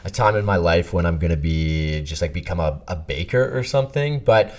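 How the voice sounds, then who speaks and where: Man, twenties, deep low voice, casual podcast chat, rambling, animated. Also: a little fast. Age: 20s. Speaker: podcast co-host.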